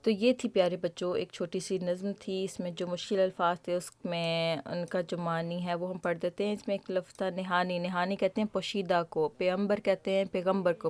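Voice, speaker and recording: Patient woman host talking to kids. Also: on the low side. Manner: patient, teacherly, asks the child questions. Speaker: children's program host. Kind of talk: gentle explaining to children.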